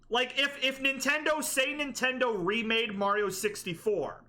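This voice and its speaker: A man's voice: high-pitched, bright, forceful tone. A young man giving casual, jokey gameplay commentary, rambling along with plenty of "like" and restarts. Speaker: gaming commentator. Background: game music.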